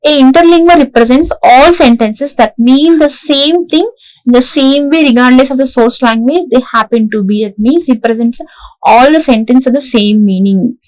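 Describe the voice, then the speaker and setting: High-voiced Indian woman lecturing. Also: normal speed, darkish tone, low-quality recording. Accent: Indian English. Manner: repeats "right?" to check understanding, frequent restarts. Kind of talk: classroom lecture.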